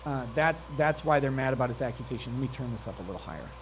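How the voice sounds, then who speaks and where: A man's voice: medium pitch, animated, racing, a little hiss or hum. A man giving profane, mocking live commentary on a video clip, laughing often. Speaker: streamer commenting on a meeting clip.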